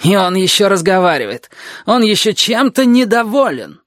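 A reader puts on a furious female teacher from an audiobook, her raised voice leaping high and low as she rants. She spits out indignant complaints. The sound is close and dry. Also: big pitch swings, normal speed, a little mellow, dry recording, natural voice. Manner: indignant, fuming. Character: irritable, sharp-tongued female teacher. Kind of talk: audiobook character voice.

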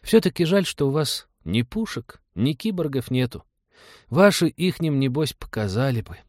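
Мужчина, озвучивающий любопытного возбуждённого мальчика в аудиокниге, с нетерпеливыми, ноющими вопросами. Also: male voice, mid-range voice, animated, normal speed, darkish tone, no room sound, clean studio sound, voice pushed up, close to an everyday voice. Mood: eager. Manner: eager, whiny questions. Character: excitable young boy, curious and chatty. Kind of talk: audiobook character voice.

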